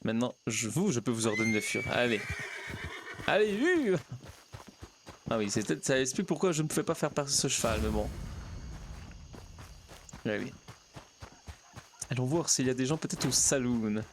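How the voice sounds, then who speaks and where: A man's voice: mid-range voice, brisk, long pauses, a little hiss or hum. Chatty man voicing a pastor in role-play. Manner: chatty, mutters to himself, jokes, coaxes his horse. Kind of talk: in-character role-play narration.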